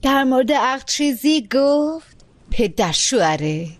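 A woman's voice: sits high, big pitch swings, no room sound. A woman dubbing a scheming, spiteful woman in a television drama, speaking in a mocking, taunting way.

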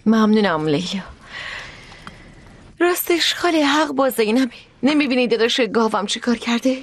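Troubled young woman, plaintive, high voice. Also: animated. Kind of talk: dubbed television drama.

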